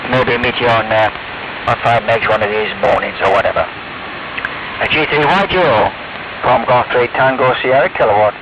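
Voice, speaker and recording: An older man chats casually and at length on an amateur radio net, rambling and poking fun at himself. His mid-range voice moves at a moderate pace and comes through a transceiver mic over the air, dull and band-limited with shortwave hiss.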